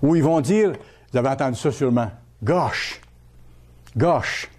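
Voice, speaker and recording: A man's voice: medium pitch, expressive, fast talker, warm tone. A man preaching a sermon as a pastor, teaching by repeating key words and asking his listeners questions.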